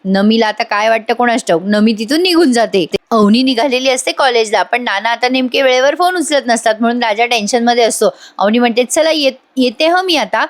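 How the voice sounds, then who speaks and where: A woman's voice: a little high, a little fast, few pauses. A woman narrating a chatty voice-over recap of a television serial, talking directly to viewers. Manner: chatty storytelling, addresses viewers.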